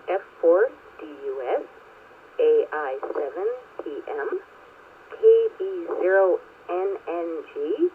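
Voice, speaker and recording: A woman's voice: on the low side, slight background noise. Woman on staticky two-way radio. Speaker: net control operator. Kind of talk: formal radio net procedure. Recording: staticky narrow phone-like radio link.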